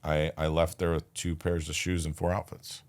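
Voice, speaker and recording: A man, a podcast guest, telling a personal story in a casual, halting way, acting out bits of dialogue. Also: very deep voice. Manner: relaxed, halting retelling with restarts and quoted dialogue.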